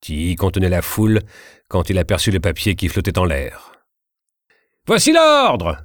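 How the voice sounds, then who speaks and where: Low-voiced guy reading a storybook, steady and measured, dry close sound. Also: dry recording. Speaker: narrator. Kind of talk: storybook narration.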